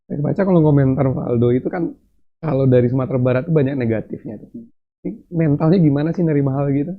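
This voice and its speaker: A man's voice: medium pitch, fast talker, narrow, tinny audio. A man hosting an interview, asking questions in a chatty way and answering with many short agreements. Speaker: interview host.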